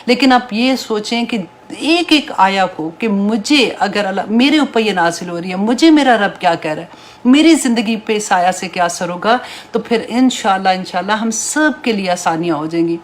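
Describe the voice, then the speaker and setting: A woman's voice: medium pitch, expressive. A woman teaching a Quran tafsir class, reading Arabic verses and explaining them in Urdu, with an encouraging tone that often checks with her students. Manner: warm, encouraging teaching tone with tag questions.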